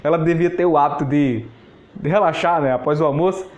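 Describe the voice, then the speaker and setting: A man's voice: fairly high pitch, a little fast, highs cut off, noisy background. Chatty man in an echoey room. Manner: chatty, laughs often, repeats words. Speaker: network marketing mentor. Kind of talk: casual anecdote telling.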